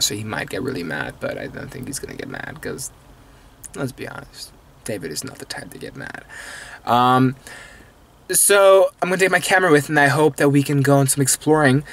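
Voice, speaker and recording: A man's voice: mid-range voice, a bit bright. Young guy in his 20s, not a native speaker, goofy late-night rambling in his parked car, phone at arm's length. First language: not English. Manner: playful, self-mocking rambling. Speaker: vlogger. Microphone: phone camera held at arm's length.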